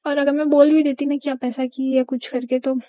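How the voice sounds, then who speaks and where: A woman's voice: high voice, level tone, brisk, mellow, no room sound. A young woman vlogger telling a personal story in an emotional, rambling, confessional way. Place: home.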